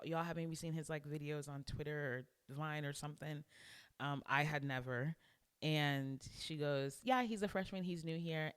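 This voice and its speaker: Smooth-voiced young woman telling a story. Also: sits low. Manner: animated storyteller who acts out quotes. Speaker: podcast co-host. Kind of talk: casual chat.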